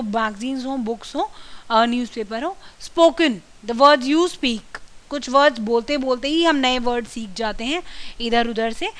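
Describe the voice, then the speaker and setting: A woman lectures a communication skills class. Her voice sits high and sounds bright and crisp. She explains each point patiently, one step at a time. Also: poor audio. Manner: explanatory, drills words with exaggerated stress. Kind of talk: classroom lecture mixing Hindi and English.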